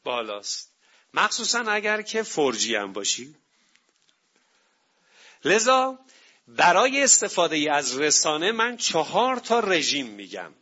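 Male preacher, high and sharp-edged, emphatic sermon delivery with rhetorical questions, muffled lo-fi recording. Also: huge pitch swings, pauses often. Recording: dull lo-fi recording.

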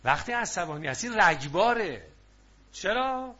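Bright-voiced man preaching to a crowd. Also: sits high, slightly rough, muffled recording. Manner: lively, prompts audience to answer. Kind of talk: religious talk to a live audience.

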